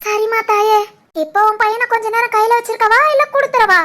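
Cartoon aunt, young and cheeky, very high squeaky voice, Tirunelveli Tamil accent, voiced by a woman. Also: fairly even intonation, a little fast, bright, forceful tone. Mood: teasing. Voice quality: playful, teasing. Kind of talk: animated family story voice acting.

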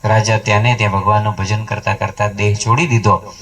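A man's voice: level tone, fairly quick, a bit bright. A man telling a devotional story as a sermon at a home memorial gathering, his voice rising and dropping for emphasis. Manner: story-telling, voice swinging high and low for emphasis. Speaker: devotional speaker. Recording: voice picked up from a distance.

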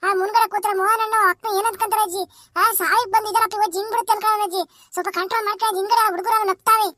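A woman's voice: very high voice, steady tone, racing, pushed and bright, no room sound, studio quality. A woman voicing a young village woman in a cartoon who nags and pleads with her grandmother. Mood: pleading. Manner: pleading, nagging rural chatter.

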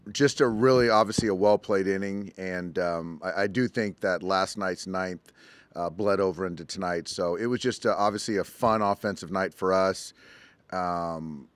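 A middle-aged man, a baseball manager, answering postgame press conference questions in a measured, halting way with many ums, at a table mic. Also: low-pitched, no room sound. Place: press conference room, indoors. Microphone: table mic in front.

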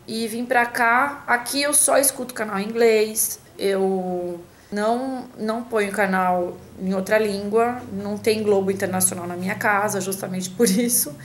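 A woman's voice: medium pitch, unhurried, slight background noise, rough recording. A woman from Brazil talking casually to camera at home, chatty and hesitant, with many restarts and fillers. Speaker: vlogger answering a tag.

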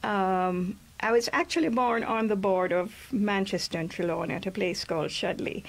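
An older woman from Jamaica speaks with a Jamaican accent as a guest in a studio radio interview. She talks in a reflective, chatty way and laughs easily, at an everyday pitch, into a boom-arm microphone. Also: normal speed. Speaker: guest poet. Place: small radio studio, indoors.

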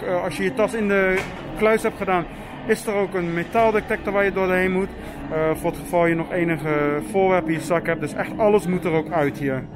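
A man the doing casual theme park vlog commentary, explaining things in a hesitant, halting way. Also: sits high. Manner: hesitant, explanatory, filler-heavy. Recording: loud music behind the voice.

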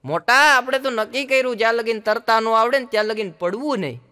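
A man telling a string of stand-up jokes, switching quickly between his own voice and each character's. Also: extremely high pitch, pushed and bright, clear, resonant tone. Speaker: stand-up comedian.

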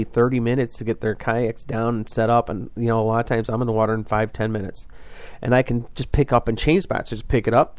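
A man's voice: medium pitch, a little mellow, dry recording. A man hosting a fishing podcast, explaining things in a casual, rambling way full of fillers and restarts.

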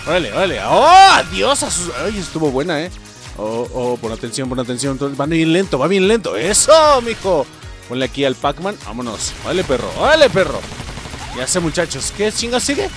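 Excitable Mexican gamer yelling at the screen. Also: male voice, a little high, normal speed. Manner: excitable, swears and yells at the game. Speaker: gameplay streamer. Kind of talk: let's play commentary. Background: game music.

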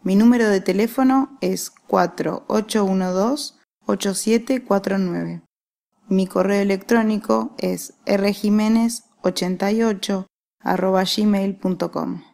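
A woman's voice: mid-range voice, fairly even intonation, measured pace, gravelly, warm tone. A woman with an Argentine Spanish accent giving a scripted self-introduction for a language lesson, carefully reading out her address and numbers.

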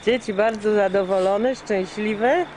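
A woman's voice: mid-range voice, moderate pace, darkish tone. A woman talks in an easy, chatty way to her family, explaining things to the children as she goes. Her voice comes through the built-in camcorder microphone of an old VHS home video, with a faint hiss underneath. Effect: old VHS home video recording. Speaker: mother filming family at home. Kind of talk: casual family chat. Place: home, near a lizard tank.

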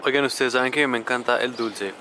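A young Colombian man vlogs while he drives, joking with his viewers in a casual, chatty way. His voice sits at an ordinary middle pitch. The car engine and street sounds come through clearly under his voice. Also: brisk. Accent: Colombian Spanish. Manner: chatty, playful, addressing viewers directly. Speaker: travel vlogger. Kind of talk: casual travel vlog. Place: small car while driving, and outdoors in town streets. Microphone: camera mounted on dashboard or held at arm's length. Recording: noisy road and street ambience.

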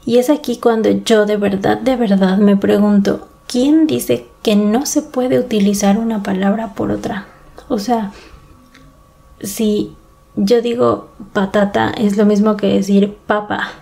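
Mexico City woman, mellow voice. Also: medium pitch. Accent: Mexico City Spanish. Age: 30s. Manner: candid, conversational, talks to listener directly. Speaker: podcast host. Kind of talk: casual monologue podcast.

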